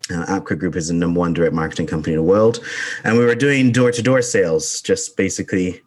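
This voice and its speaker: A young man in his twenties from Barbados talks as a podcast guest. His voice sits very low. He pauses often with ums and restarts his sentences. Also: fairly even intonation. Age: 20s. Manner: hesitant, many ums and restarts. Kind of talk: casual interview talk.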